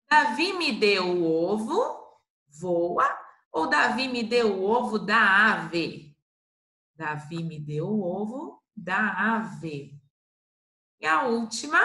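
Brazilian lady teacher sounding out syllables real slow, bright lively voice, echoey room. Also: medium pitch. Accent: Brazilian Portuguese. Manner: slow, drawn-out syllables, patient and encouraging. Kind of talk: recorded literacy lesson for first graders.

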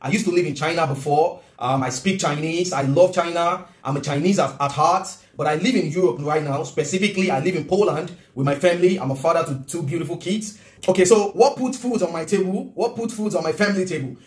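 Nigerian man, thirties, high-pitched, animated vlog talk, echoey kitchen. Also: a little fast. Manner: animated, gestures a lot, earnest. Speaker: vlogger and business coach. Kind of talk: casual talk to camera. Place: home kitchen, indoors. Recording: roomy room echo.

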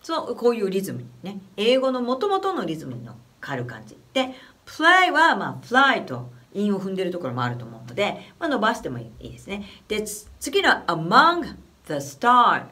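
Woman voice coach from Japan, casual lesson talk, animated and expressive. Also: mid-range voice. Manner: chatty, animated, demonstrates phrases slowly. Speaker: vocal coach. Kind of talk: casual spoken singing lesson.

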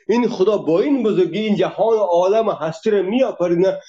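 A man speaks in a fairly high but mellow voice as he delivers an emphatic, impassioned monologue. He speaks straight to his listeners and goes through verses one at a time. The recording is dull and lo-fi. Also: slightly rough. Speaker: religion critic.

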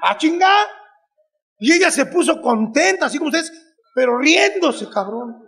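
High-pitched Mexican man, profane storyteller. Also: lively intonation, moderate pace. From Guanajuato, Mexico. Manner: profane, shouting bursts, acts out his mother's lines. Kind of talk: crude comic storytelling to a live audience.

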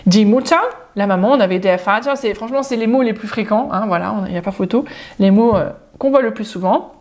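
A woman giving a casual, spontaneous spoken lesson, chatting informally with the viewer and slowing down to say German example phrases. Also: mid-range voice, darkish tone. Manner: addresses the viewer informally, jokes. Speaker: German teacher.

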